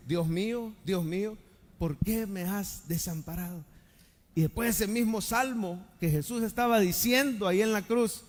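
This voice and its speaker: A male pastor preaching a live sermon, swinging between loud calls and hushed lines and asking the congregation for amens. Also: high voice. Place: church sanctuary during a live service. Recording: long church-hall reverb.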